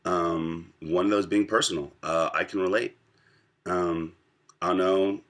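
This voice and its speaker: A young American man in his twenties talks straight to his viewers, recounting a personal story. His voice sits low and comes out with a forceful edge. He pauses often between thoughts as he works through what he wants to say. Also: steady tone. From United States. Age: 20s. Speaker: vlogger. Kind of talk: casual storytelling to camera.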